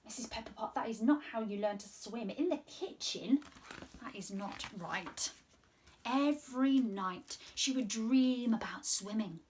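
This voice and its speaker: A British woman in her twenties, indoors in a small home room, hosts story time for children at an unhurried pace. Her voice is a little high, and her sing-song delivery is animated and exaggerated. Slight background noise is audible.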